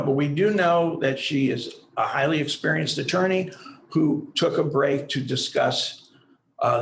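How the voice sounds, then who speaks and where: A man's voice: mid-range voice, a bit bright, reverberant, slight background noise, rough recording. A man arguing for the state in an appellate court, persistent and argumentative. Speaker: attorney for the state.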